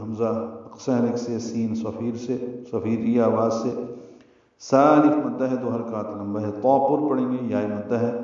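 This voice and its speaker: A man calmly explains the rules of Quran recitation, one letter at a time, with precise and methodical diction. His voice is mellow and dark. It sounds recorded from a distance, in a very echoey room, with a muffled tone. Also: medium pitch. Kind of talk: tajweed lesson with chanted recitation.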